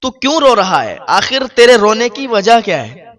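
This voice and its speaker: A kind male stranger speaks with earnest warmth and promises to stand by a crying man, as a storyteller plays him. His voice is high for a man and rises as his promises grow stronger. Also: sing-song. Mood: concerned. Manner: earnest, comforting, promising help.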